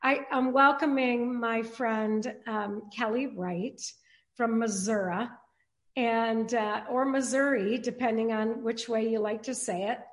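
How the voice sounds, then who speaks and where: Halting, higher-voiced woman pastor hosting. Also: steady tone. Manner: halting, many fillers and restarts. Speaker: podcast host and pastor. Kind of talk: casual interview chat.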